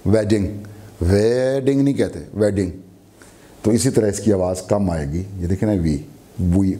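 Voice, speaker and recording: A man's voice: on the low side, warm tone. A man with a Pakistani Urdu accent teaching a beginner language lesson, repeating each word and its meaning.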